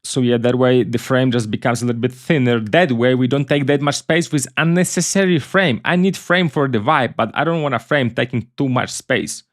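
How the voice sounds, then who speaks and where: A man's voice: medium pitch, normal speed, hardly any pauses. Tutorial host: a man. Casual and chatty, repeats himself, swears offhandedly. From Ukraine. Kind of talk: casual screen-recorded software tutorial.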